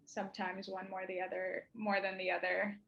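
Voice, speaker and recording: A woman speaking deliberately in a documentary interview, with "uh" pauses. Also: mid-range voice, little pitch movement, gravelly, reverberant, dull audio, a little hiss or hum.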